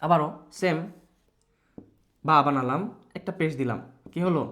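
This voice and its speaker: A man's voice: fairly high pitch, moderate pace, fairly bright tone. A male teacher giving a patient children's reading lesson, asking questions, answering them himself and mixing in English words. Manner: mixes English words into his speech.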